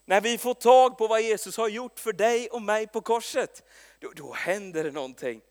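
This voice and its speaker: High-voiced preacher in an echoing hall. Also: male voice. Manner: lively storytelling with frequent restarts and stumbles. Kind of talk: sermon. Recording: long echo in a large hall.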